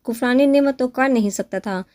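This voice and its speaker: A woman's voice: high voice, darkish tone, no room sound. Woman narrating an audio novel, dry and close.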